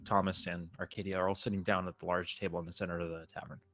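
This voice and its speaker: Man, game master, low pitch, dry, halting, laughs often. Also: little pitch movement, fairly bright tone, no room sound, soft background music. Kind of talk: narrating a tabletop game.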